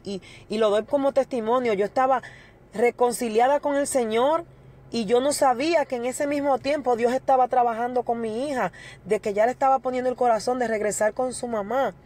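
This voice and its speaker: A woman's voice: a little high, brisk, darkish tone. A middle-aged woman giving an earnest testimony to a church congregation and addressing her listeners as brothers.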